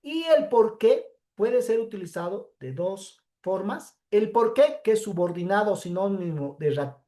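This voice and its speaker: With a mellow voice at medium pitch, a woman teacher leads a pre-recorded class. She moves slowly through each step of the explanation, regularly checking in with "¿sí?".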